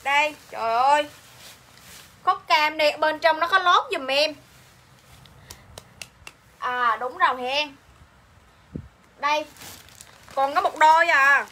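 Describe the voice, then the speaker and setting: Selling clothes on a livestream, a woman with a Southern Vietnamese accent chats and repeats each line to coax her viewers. Her high voice is slow, pushed, and bright, pausing often, with slight background noise.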